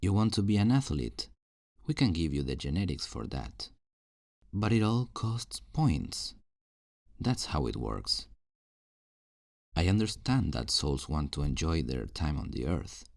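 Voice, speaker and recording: In a soft-paced, scripted one-sided ASMR roleplay, a voice actor plays a calm, kindly male afterlife assistant who sells souls new lives. His low, gravelly voice is exaggerated and unhurried, patiently explaining and reassuring in a gently advising, customer-service manner. The studio-quality recording has no room sound.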